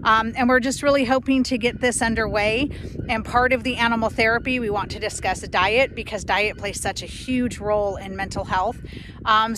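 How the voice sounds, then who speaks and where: Standing outdoors on her grassy farm, a woman chats casually to a phone at arm's length, often saying um and starting over in this homestead update to camera. She has a fairly high, fairly bright voice, and there's slight hiss or hum.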